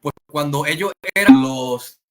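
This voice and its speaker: A man with a Puerto Rican Spanish accent telling a family story in a slow, rambling way, full of fillers and restarts. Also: a little high, poor audio. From Puerto Rico. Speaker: channel host. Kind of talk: casual storytelling monologue.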